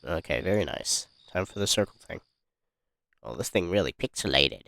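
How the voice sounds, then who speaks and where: A man giving casual let's-play commentary on a music game, relaxed and hesitant with many fillers. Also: low-pitched, normal speed, gravelly, heavy background noise. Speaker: gaming YouTuber. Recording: music playing behind the voice.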